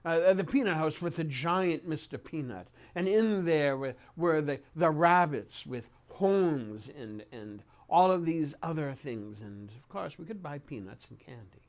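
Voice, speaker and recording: An older man with a slightly high voice recounts his memories at a very unhurried pace. He halts often, repeating words and pausing partway through sentences, in the style of an oral-history interview. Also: lively intonation. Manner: halting, with repeated words and mid-sentence pauses.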